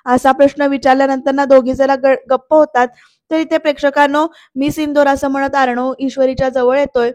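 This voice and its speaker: A woman's voice: high-pitched, flat delivery, fairly quick, darkish tone, no room sound. A woman narrating a voice-over episode recap in a chatty way, speaking directly to viewers. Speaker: serial episode reviewer. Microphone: close voice-over mic.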